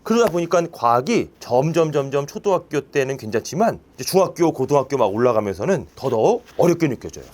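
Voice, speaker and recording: A man teaching a science lesson to children in a classroom, playful and quizzing his pupils with quick questions. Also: medium pitch, very animated, a little mellow.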